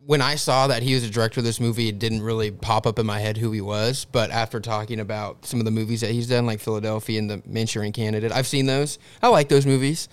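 Smooth-voiced guy saying "like" a lot. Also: fairly low pitch, steady tone, fast, few pauses. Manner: casual, heavy use of "like". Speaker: podcast co-host. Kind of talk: casual film discussion.

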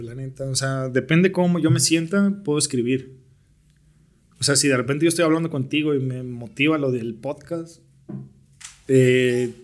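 A young man with a Mexican accent, a podcast guest telling stories in slangy, laid-back talk. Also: medium pitch. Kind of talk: casual storytelling interview.

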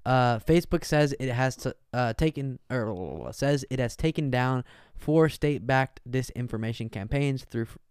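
A man's voice: mid-range voice, normal speed, hardly any pauses, darkish tone, clear, resonant tone, dry recording, clean studio sound. A young man co-hosting a podcast, joking around, laughing often and reading out news items in casual chat. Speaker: podcast co-host. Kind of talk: casual banter, storytelling.

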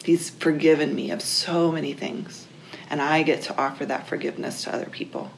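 A woman with a notably low voice speaks earnestly and deliberately, giving personal testimony in an interview. Faint noise and ambience sit behind her. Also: fairly even intonation, gravelly, poor audio.

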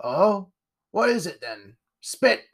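A man doing a gruff, gravelly old captain. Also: sits high, big pitch swings, slow pace, fairly bright tone, exaggerated voice. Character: gruff old male pirate captain, scarred and boastful.

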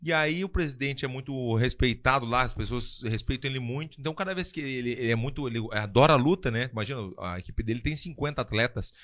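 A man's voice: medium pitch, fast talker, hardly any pauses, a bit bright. A man telling a story in casual podcast chat, acting out quotes and laughing often. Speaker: podcast guest telling a fight-world story.

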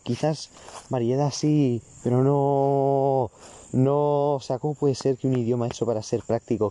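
A man's voice: mid-range voice, mellow, a little hiss or hum. Ranting teenage guy outdoors. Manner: profane, ranting, self-mocking. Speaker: vlogger. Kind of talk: casual podcast-style monologue. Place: outdoors in a garden.

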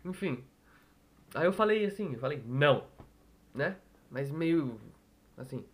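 A young Brazilian man with a slightly high voice tells a story into a desk microphone in his room at home. He rambles, swears freely and keeps correcting himself mid-sentence, in a loose, unscripted way. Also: lively intonation, unhurried, husky. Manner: rambling, profane, self-correcting. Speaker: storyteller vlogger. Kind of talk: casual storytelling monologue. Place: room at home on a noisy street. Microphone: desktop microphone.

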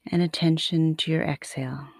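A woman guiding a sleep meditation like a sleep story narrator, soothing and unhurried, with long pauses between short phrases. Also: low voice, steady tone, vocal fry, no room sound. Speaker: yoga nidra meditation teacher.

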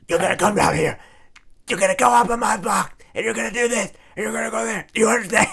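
A man putting on a hoarse, gravelly drill sergeant voice, shouting orders loud and fast. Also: sits high, voice pushed up, exaggerated voice. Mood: gruff commands. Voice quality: gravelly, barking.

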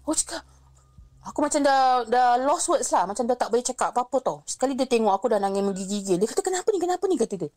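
A young woman recounts a personal ghost story in a casual, chatty way. Her voice sits fairly high, and she brings the story to life by acting out what each person said, dropping English phrases in as she goes. The sound is close and dry, with no room around it. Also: fast talker, hardly any pauses, no echo. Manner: lively, acts out the other people's lines, mixes in English phrases. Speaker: guest sharing a ghost story.

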